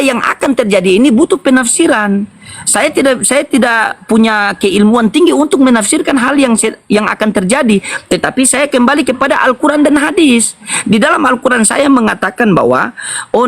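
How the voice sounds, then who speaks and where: A man's voice: high-pitched, vocal fry. A man arguing in a debate, who challenges his opponent in an argumentative way with many questions.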